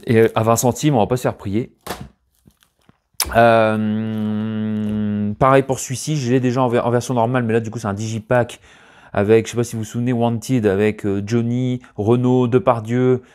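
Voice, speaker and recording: A man chatting casually as he shows off his latest collector finds. His talk rambles and he often hunts for the right word. His voice sits at an ordinary middle pitch for a man and rises in sudden excited bursts. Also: normal speed, clean tone. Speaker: collector vlogger. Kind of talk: casual unboxing chat.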